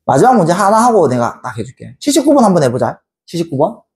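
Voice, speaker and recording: A woman's voice: fairly low pitch, big pitch swings, a little mellow. Playful woman math teacher. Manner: playful, teasing students with chanted repetitions; addresses students directly with quick questions. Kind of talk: lively classroom lecture.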